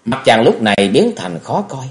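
A man narrating a martial arts novel as an audiobook in an expressive, dramatic reading. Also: mid-range voice, normal speed, slight background noise.

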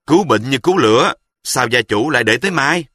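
A man's voice: mid-range voice, animated, a little fast, sharp tone, dry recording, clean studio sound, pitched above the performer's own voice. A man voicing a pompous, domineering middle-aged male sorcerer who speaks in a commanding, grandiose way.

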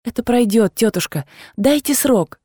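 A woman reading aloud and voicing a quiet, tearful young woman who speaks softly and pleads. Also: on the high side, expressive, normal speed, breathy edge, no room sound, studio quality.

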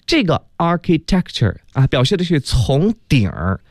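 A man's voice: fairly high pitch, unhurried, dry recording. Guy explaining english words on the radio, voice all over the place, dry close mic. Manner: lively, explains to listeners, addresses "friends". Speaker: radio English teacher, co-host.

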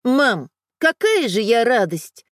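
Brief: woman doing emotional young daughter, high lively voice, tearful pleading, storybook. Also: takes it slowly, dry recording, studio quality. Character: hurt teenage daughter, emotional and clingy.

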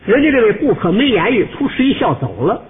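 A man performing a comic monologue, telling the story with lively, pointed asides to the audience. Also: high voice, fast talker. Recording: tinny old radio recording with faint hiss.

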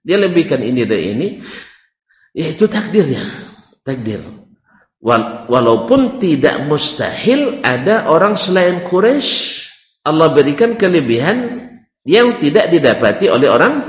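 Animated Malay-accented preacher in echoey hall. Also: male voice. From Malay region of Indonesia. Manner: animated, jumps high on key words, teasing asides. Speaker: preacher teaching a classical text. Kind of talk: sermon-style religious study lecture. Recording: roomy dull hall recording.

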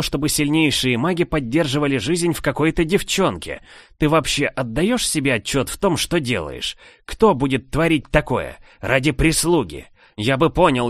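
A man's voice: mid-range voice, dry recording, studio quality, voice pushed up, close to an everyday voice. A man voicing an angry, domineering older king who scolds his nephew in a raised voice.

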